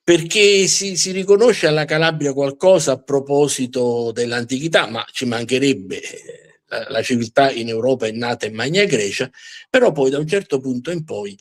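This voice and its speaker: A man speaks as the host of a live show about history. His talk is unscripted and halting, with words repeated while he searches for how to put things. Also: medium pitch.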